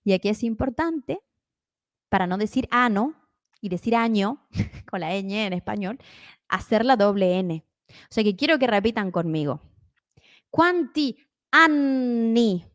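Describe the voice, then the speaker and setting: A young Argentine woman teaches a live online class in a chatty, encouraging voice. Her pitch sits in a middle range, and she stretches out words when showing how to say them. The sound is close and dry. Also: expressive, dry recording. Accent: Argentine Spanish. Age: 20s. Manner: chatty and encouraging, slows down to spell out Italian words. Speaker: Italian teacher.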